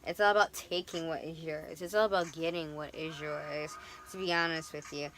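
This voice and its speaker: A young woman giving a casual, animated tarot reading, chatty and playful. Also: deep voice, moderate pace, a little hiss or hum. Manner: animated, chatty, swings into playful quoted voices. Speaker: tarot reader.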